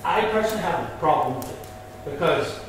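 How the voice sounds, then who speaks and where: A man's voice: fairly high pitch, expressive, a little fast. A man with a Belfast accent, casually and bluntly explaining things to visitors as a Freemason guide. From Northern Ireland. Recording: echoey hall from far off, with background noise.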